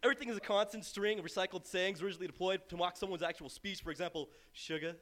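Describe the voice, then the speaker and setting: High-voiced man performing slam poetry. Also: steady tone, racing, a bit bright. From southern Arizona. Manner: wry storytelling, comic rhythm. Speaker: slam poet. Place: live venue stage.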